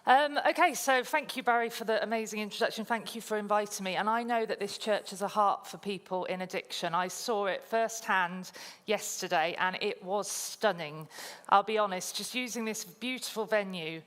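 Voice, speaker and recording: A woman's voice: medium pitch, moderate pace, fairly bright tone. Woman guest preacher, chatty and self-deprecating, long church hall reverb. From South Coast of England. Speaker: guest speaker. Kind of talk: sermon with personal story.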